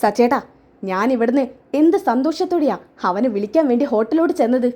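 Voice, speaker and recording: A woman's voice: a little high, expressive, fast talker, warm tone. A woman reading as a hurt, bitter young wife. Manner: sobbing, bitter, defiant complaints.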